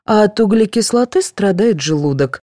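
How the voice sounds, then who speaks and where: A woman's voice: mid-range voice, lively intonation, moderate pace, dark tone, no room sound, clean studio sound, pitched above the performer's own voice, lightly acted. A woman voicing a preachy female dentist who lectures about healthy eating in an audiobook.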